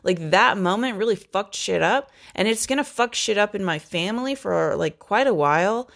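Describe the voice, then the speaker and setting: A woman's voice: medium pitch, animated, normal speed, gravelly, fairly bright tone. A young adult woman hosting a podcast, venting in a blunt, profane, rambling monologue. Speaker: podcast host.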